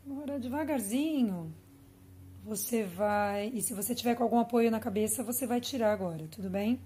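A Brazilian woman speaking as a yoga teacher in a calm, instructive manner. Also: on the high side, moderate pace, husky. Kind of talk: guided yoga class.

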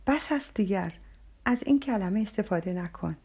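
A woman voicing a hurt middle-aged husband, speaking urgently and insistently in a pitch raised above her own. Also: expressive, vocal fry, a little mellow, breathy edge. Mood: pleading.

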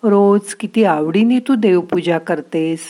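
A woman voicing a wise, gentle inner mind. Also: medium pitch, unhurried, close to an everyday voice. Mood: gently coaxing. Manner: coaxing and softly scolding.

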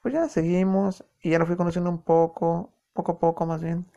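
A man's voice: a little high, fairly even intonation, a little fast, vocal fry, dark tone, lo-fi sound. A young man from Mexico City with a chilango accent, casually telling a personal story in a chatty, joking way full of slang fillers. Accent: Mexico City Spanish. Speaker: podcast host.

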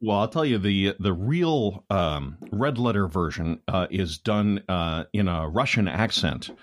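A man's voice: deep voice, animated, measured pace. A man, a guest comedian on a podcast, rambling along in casual chat with plenty of filler sounds.

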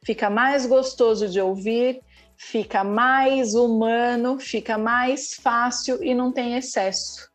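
Emphatic higher-voiced woman giving advice. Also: steady tone, slow, faint music behind. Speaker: communication speaker. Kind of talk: podcast conversation.

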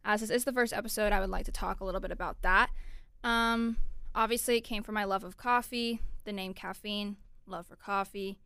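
Speaking fairly quickly in a steady, mid-range voice, a twenty-year-old Orlando, Florida, USA native hosts a casual solo podcast with a bright, forceful tone. Her delivery is smooth, crisp, and upbeat, full of "like" and "you know," and the audio is close and dry with no room sound.

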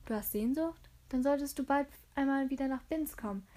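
A woman voicing a dignified middle-aged mother and businesswoman who speaks with composure and gentle admonishment, in an audiobook reading. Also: high-pitched, a little fast, lightly acted. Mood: fond.

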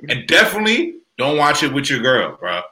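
A man with a bright, punchy voice chats on a podcast panel. His talk is casual and packed with street slang. The sound is noticeably roomy and echoing. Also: mid-range voice, wildly swooping pitch, fairly quick.

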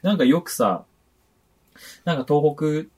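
Young guy from chatting on a podcast, husky, pitch bouncing all over. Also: slow, far from the mic. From Japan, Iwate. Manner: chatty, relaxed, reads listener letters aloud. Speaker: podcast co-host. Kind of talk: casual chat.

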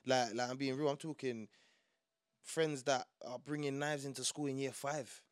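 A man's voice: medium pitch, fairly even intonation, moderate pace, no room sound, clean studio sound. A young man with a London roadman accent, chatting casually with lots of slang and tag words. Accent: London roadman, Multicultural London English. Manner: slangy, frequent "like" and "innit". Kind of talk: casual group chat.

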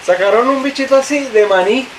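A man's voice: very high-pitched, fairly quick, far from the mic. A young man co-hosting a podcast, clowning around and laughing a lot. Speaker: podcast co-host. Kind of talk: casual chat. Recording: roomy, off-mic, noisy.

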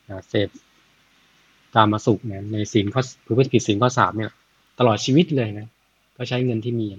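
Male Dharma storyteller, chatty and unhurried, husky tone, dry muffled recording. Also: mid-range voice, no echo. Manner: chatty, frequent "na" tags, thinks aloud with math. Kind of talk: casual Buddhist storytelling.

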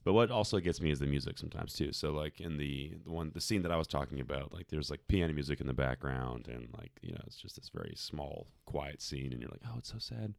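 A man with a very low, deep voice talks loosely about a video game with a friend. He is laid-back, trails off mid-thought and laughs a lot, sometimes jumping into high-pitched quoted voices. The sound is dry and close, with no room echo. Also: fast talker, vocal fry, hardly any pauses.

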